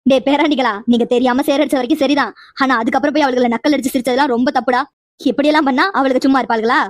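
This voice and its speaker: A woman voicing a bossy, teasing old village grandmother in a cartoon, who scolds her grandsons quickly and bluntly. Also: sits high, fairly even intonation, no echo, clean studio sound, lightly acted. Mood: warning. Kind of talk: cartoon voice acting.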